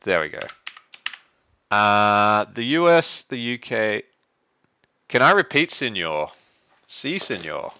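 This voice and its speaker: A young man hosts a riddle contest live on stream, his voice leaping up and down as he chats and laughs. The tone is bright and forward. It sounds dry and a little dull, like a close home streaming mic. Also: fairly low pitch, slow pace, pauses often, clear, resonant tone, no echo. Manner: excitable, chatty, laughs often. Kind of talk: casual live-stream chat.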